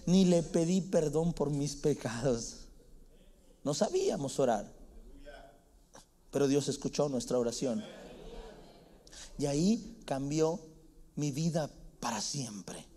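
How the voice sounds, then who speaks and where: A young male guest preacher delivering a sermon in a high voice with a dark, mellow tone. He is emphatic and dramatic, dropping low and then rising loud, dotting his lines with "amén". When he quotes people in his story, he acts out their voices. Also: lively intonation, slow, long pauses. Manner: emphatic, frequent "amén" interjections, dramatic swings in volume.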